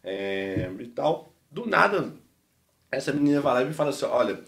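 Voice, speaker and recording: A Brazilian man with a Mineiro accent, a podcast guest telling a personal story in an animated, slangy way. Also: medium pitch, normal speed, gravelly, roomy sound. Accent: Mineiro Brazilian Portuguese. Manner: animated, slangy, peppers speech with "mano" and "velho". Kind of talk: casual storytelling testimony.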